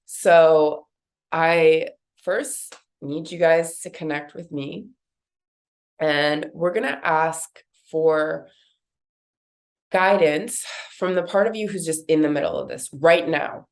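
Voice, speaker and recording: A woman with a nasal voice guiding viewers through a card reading in a casual, rambling way, full of fillers. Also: sits low. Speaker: card reader. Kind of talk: guided intuitive card reading.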